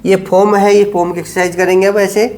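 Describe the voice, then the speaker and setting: A middle-aged male yoga teacher with a fairly high voice leads a knee exercise lesson. He gives firm, practical directions and checks in often with short confirmations. He counts out each hold slowly and steadily. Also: little pitch movement, a little mellow. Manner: directive, repeats "ठीक है" often, counts slowly during holds.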